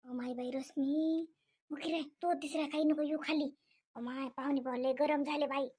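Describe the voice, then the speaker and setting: A woman voicing a timid elderly man who is a guest in the house in an animated comedy, muttering worriedly under his breath. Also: high voice, moderate pace, lightly acted. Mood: hushed fretting.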